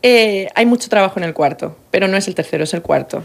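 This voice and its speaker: A woman from Murcia with a Spain Spanish accent, an author talking in a casual interview in a lively, playful way and laughing often. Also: medium pitch, fast talker, gravelly. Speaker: author and guest.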